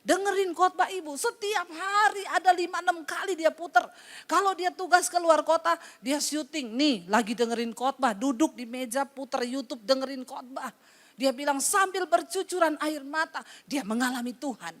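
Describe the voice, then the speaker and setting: A woman pastor preaching a lively sermon to a congregation, joking with them and retelling conversations. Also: high-pitched, moderate pace.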